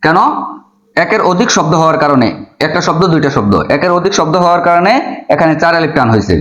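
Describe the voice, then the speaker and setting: A man with a fairly high voice teaches a careful, step-by-step lesson on Arabic letters, repeating each sound slowly. The room is echoey and the recording is a bit dull. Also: expressive, fairly bright tone. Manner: patient, drawing out letter sounds again and again. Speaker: Quran teacher.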